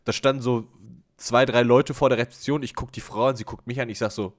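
Man, podcast co-host, animated storyteller, acts out dialogue, mid-pitched. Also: brisk. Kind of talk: casual storytelling chat.

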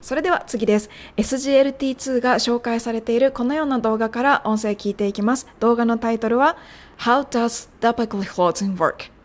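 Chatty woman coaching English pronunciation. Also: on the high side. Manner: friendly, chatty coaching, drilling sounds slowly. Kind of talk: casual podcast lesson.

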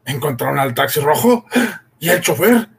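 A male actor playing an authoritative army general with a husky, commanding delivery in an old radio drama. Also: a little high, animated, moderate pace, exaggerated voice.

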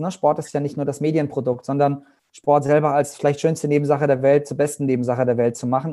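A middle-aged man holds forth in an interview, his voice mellow and dark. His pitch stays fairly even, and he circles his points with restarts and fillers as he thinks aloud. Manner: reflective, many restarts and fillers. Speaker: guest, sports marketing agency head. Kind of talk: interview answer.

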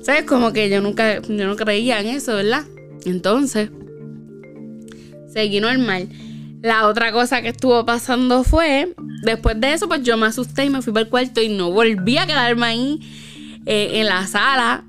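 A woman's voice: on the high side, moderate pace, fairly bright tone, soft background music. A woman casually telling a spooky personal story, with lots of fillers and tag questions.

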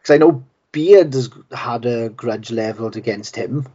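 A man's voice: medium pitch, normal speed, warm tone, husky. A middle-aged man on a podcast, chatting casually and laughing often. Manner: laid-back, swears casually, laughs often. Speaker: podcast co-host. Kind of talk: casual chat. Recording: dull lo-fi sound.

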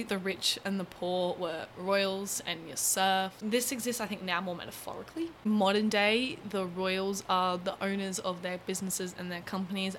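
A woman's voice: fairly bright tone, slight background noise, low-quality recording. Chatty woman vlogger explaining history. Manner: chatty, with playful asides and sudden pitch jumps. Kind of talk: casual explainer vlog.

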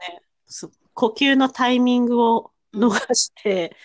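A young woman co-hosting a casual chat over a call, soft-spoken and relaxed. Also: a little high, unhurried, no echo. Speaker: podcast co-host.

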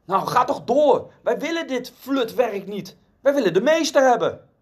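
A man voicing an angry heckler in an auction crowd, shouting with scorn. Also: sits high, animated, a little slow, full character voice. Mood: scornful.

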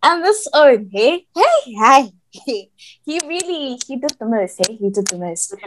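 A young woman, telling stories in a casual, animated, slangy way as a podcast co-host. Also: high-pitched, unhurried, a little hiss or hum. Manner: animated storytelling, slangy, laughs often. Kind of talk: casual chat.

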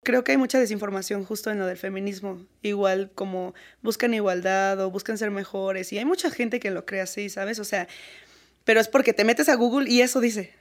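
A woman's voice: mid-range voice, brisk. A young woman with a Mexican accent, speaking earnestly and with animation as a guest in a casual interview, often breaking into laughter.

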